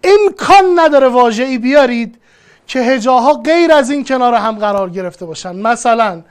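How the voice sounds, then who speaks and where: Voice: mid-range voice, lively intonation, clear, resonant tone. A teacher giving a lesson, explaining patiently step by step and speaking straight to the student. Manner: explanatory, repeats and addresses the student directly. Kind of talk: classroom lesson.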